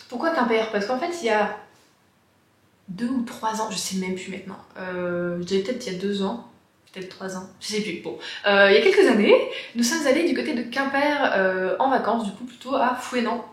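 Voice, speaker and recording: A young woman vlogger chatting casually and rambling to camera, with lots of fillers, recorded in a small home office that rings with echo. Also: medium pitch. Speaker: book vlogger answering viewer questions. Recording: echoey room sound.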